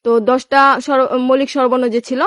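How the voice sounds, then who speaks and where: A woman's voice: high voice, level tone, fast talker, no echo. A woman from Bangladesh with a Bangladeshi Bengali accent, teaching a casual spoken lesson, patiently asking questions and answering them herself. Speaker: Korean language tutor.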